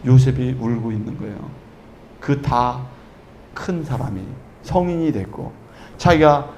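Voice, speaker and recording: A man's voice: mid-range voice, a little mellow, a little hiss or hum. A middle-aged man preaching a sermon in a church, emphatic and full of rhetorical questions. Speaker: pastor. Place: church sanctuary.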